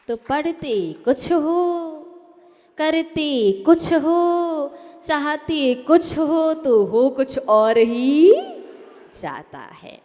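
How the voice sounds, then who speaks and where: A woman with a high voice gives a sermon as a nun, speaking very slowly and emphatically. She keeps asking her listeners questions and answering them herself as she explains pronunciation. Her voice rings with the long reverb of a hall. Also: a little mellow. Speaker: Jain nun giving a discourse. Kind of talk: sermon teaching correct pronunciation.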